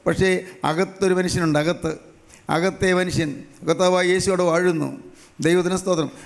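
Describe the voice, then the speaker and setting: A man's voice: high voice, little pitch movement, brisk. An older man preaching a fervent evangelistic sermon, piling up short repeated phrases and leading an altar-call prayer line by line. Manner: leads congregation in line-by-line prayer.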